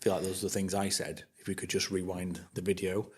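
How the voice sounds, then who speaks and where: A man's voice: deep voice, little pitch movement, fast talker, slightly rough. A man competing in a workplace quiz, joking and boasting as he rambles through his answers. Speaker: quiz contestant. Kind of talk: playful competitive banter. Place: office studio.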